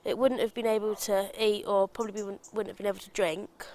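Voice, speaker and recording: A woman's voice: medium pitch, little pitch movement, brisk, darkish tone. A woman giving an informal, matter-of-fact spoken explanation.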